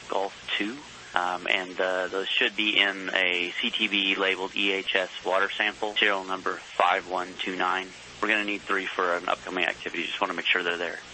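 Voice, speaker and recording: Faint hiss runs under a man's very bright, forceful radio voice. He is a mission control communicator talking to a space crew. His delivery is procedural yet informal and conversational. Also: lowish voice, poor audio. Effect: space radio transmission. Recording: hissy space-to-ground radio link.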